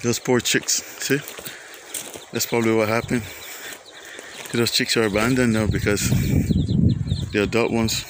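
This man, a nature vlogger, speaks into his handheld phone camera during a relaxed walk along a breezy coast and scrubland. His somewhat low voice stays fairly even, moving at a measured pace with long pauses as he wanders through thoughts full of fillers. Heavy wind and outdoor sounds come through loudly.

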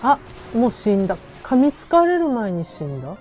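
A woman game streamer with a fairly high, soft and mellow voice. She rambles casually in a western Japanese dialect, with playful old-fashioned turns of speech. Game music plays behind her. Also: very animated, normal speed. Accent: western Japanese (Chugoku) dialect. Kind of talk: casual game-play chat.

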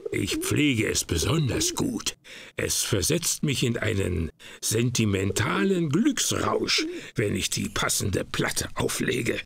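An actor voicing a skittish old retired stuntman in a video game, with a gravelly old man's voice. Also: medium pitch, a bit bright, slight background noise, exaggerated voice. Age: older. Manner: slow, gravelly, swooping old man's speech.

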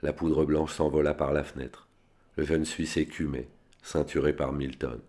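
A man reads a spy novel aloud in a steady, unadorned way. His voice is extremely deep and low throughout. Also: moderate pace. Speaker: reader.

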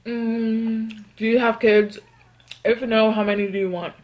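A woman's voice: on the high side, a little slow. Young woman chatting while eating. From New York. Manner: relaxed, chatty, eats between answers with frequent hums. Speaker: mukbang vlogger. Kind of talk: casual eating vlog, answering tag questions.

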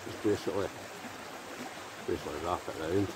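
Scottish man, deep voice, chatty, cooking outdoors, river noise behind. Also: steady tone, a little fast. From Scotland. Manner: chatty, thinking aloud while cooking. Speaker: outdoor vlogger. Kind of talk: casual chat to camera. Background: flowing river.

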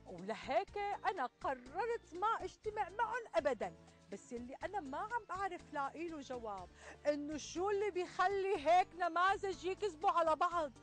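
Middle-aged Syrian village woman, extremely high voice, chatty and exasperated, full of rhetorical complaints, TV sketch. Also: expressive, fairly quick, a bit bright, soft background music. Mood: indignant. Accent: Syrian Arabic. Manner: exclaiming, complaining, rhetorical questions. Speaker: actress in a TV sketch. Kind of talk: dramatic sketch dialogue. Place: outdoors in a leafy garden.

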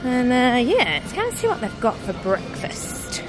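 A woman's voice: a little high, huge pitch swings, moderate pace, music in the background. A woman filming a casual family vlog, chatting upbeat about breakfast with her kids in a large diner. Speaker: family vlogger and mother.

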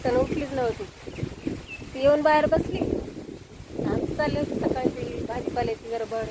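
High-voiced village woman chatting outdoors. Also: normal speed, heavy background noise. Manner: chatty, showing things to viewers. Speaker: vlogger. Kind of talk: casual village vlog.

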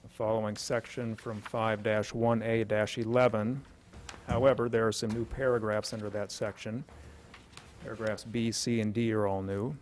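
A middle-aged man at a podium mic in a council chamber reads off ordinance changes in a flat, low, measured voice. He pauses on filler sounds and keeps an even, businesslike pace. A faint hiss of room noise sits behind him. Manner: measured, matter-of-fact, with frequent uh fillers. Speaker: city official presenting an ordinance. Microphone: podium microphone.

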